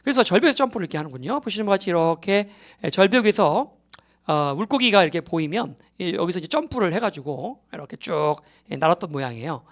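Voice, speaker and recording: Lively man teaching exam English. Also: high-pitched, quick pace. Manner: explains step by step, often checks in with the class; mixes English terms into Korean explanations. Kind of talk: recorded exam-prep lecture.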